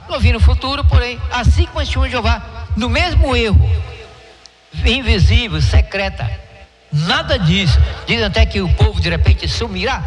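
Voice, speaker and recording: A man's voice: high-pitched, long reverb tail. A Brazilian man teaching the Bible on the radio, emphatic, repeating words and talking straight to his listeners. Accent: Brazilian Portuguese. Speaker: radio preacher.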